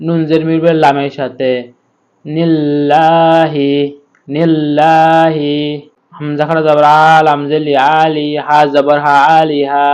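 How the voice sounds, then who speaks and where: A man leads a recitation lesson, breaking each word into syllables before chanting the verses slowly. His speaking voice stays level and even. The recording sounds a bit muffled and lo-fi. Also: on the high side, clean tone. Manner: spells syllables letter by letter, patient instruction. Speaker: Quran reading teacher.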